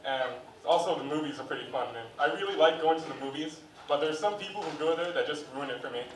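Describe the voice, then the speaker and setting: A man's voice: on the high side, fast talker, slight background noise. A young man performing a stand-up set on a comedy club stage, telling stories in a chatty way and acting out the people in them. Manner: chatty storytelling with acted quotes. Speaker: stand-up comic. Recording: roomy club sound from a distance.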